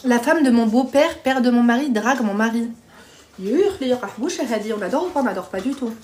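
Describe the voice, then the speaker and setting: Woman live streaming, blunt and chatty, fairly high voice, dating advice, phone mic. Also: brisk, darkish tone. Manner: chatty, blunt, calls viewers pet names. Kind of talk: casual live chat reading viewer comments.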